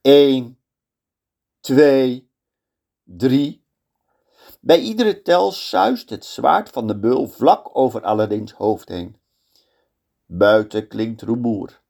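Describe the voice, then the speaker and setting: A man's voice: on the low side, vocal fry. A man telling a fairy tale aloud. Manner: slow and lively storytelling. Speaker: storyteller.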